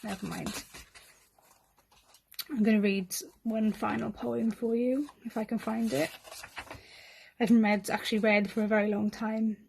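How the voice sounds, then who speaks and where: A woman poet speaks in a Rhondda, Welsh Valleys accent. Her voice is soft-edged and mellow, with little rise and fall in pitch. She sounds understated and self-deprecating, as at an informal poetry reading. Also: steady tone, measured pace, creaky, pauses often, a little hiss or hum, low-quality recording. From Rhondda, South Wales.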